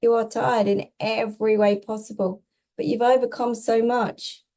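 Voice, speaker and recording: Mellow-voiced woman giving a tarot reading. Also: fairly high pitch, little pitch movement, moderate pace. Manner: reassuring, emphatic, repeats in short phrases. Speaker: tarot reader, host. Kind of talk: casual spiritual guidance monologue, tarot reading.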